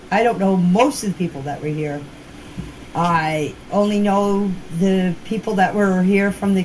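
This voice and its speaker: In noisy, amateur voice messages recorded on a phone, an older woman with a medium-pitched, darkish voice gives her own informal account of events. She hesitates and repeats herself as she goes.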